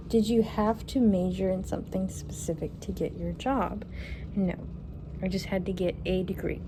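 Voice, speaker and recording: A woman in her twenties from Kentucky answering viewer questions in a casual vlog, relaxed and chatty, thinking aloud with fillers, recorded on her phone at home. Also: fairly low pitch, background noise. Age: 20s. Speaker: vlogger. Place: her apartment, indoors. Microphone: phone camera.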